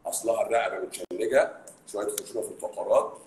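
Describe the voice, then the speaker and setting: Egyptian guy doc on a live stream, quick and teasing, echoey room. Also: on the low side, slight background noise. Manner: sarcastic, animated, teasing. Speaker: doctor hosting a live stream. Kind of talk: casual live stream talk. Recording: roomy echo.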